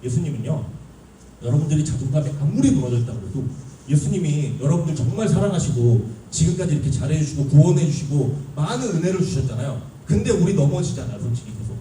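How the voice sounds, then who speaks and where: A young man preaching a sermon to a youth group, talking in an animated way and putting questions to his listeners. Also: on the high side, fast talker. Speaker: youth pastor. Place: church hall. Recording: echoey room, mic at a distance, faint hum.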